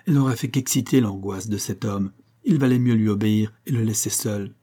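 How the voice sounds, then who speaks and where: Husky-voiced man narrating a novel. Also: fairly low pitch, brisk, warm tone. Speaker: audiobook narrator.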